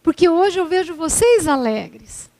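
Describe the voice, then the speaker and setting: A woman speaking as a small boy who earnestly thanks a man, in a soft, tender tone during a talk. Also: extremely high pitch, very animated, measured pace, long reverb tail, full character voice. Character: little boy, earnest and grateful.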